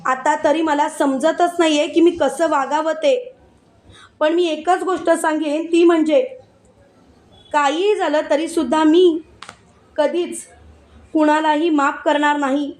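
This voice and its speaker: A woman voicing an angry, betrayed young wife who speaks loudly and indignantly and keeps repeating herself. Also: high voice, steady tone, measured pace, pauses often. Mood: furious.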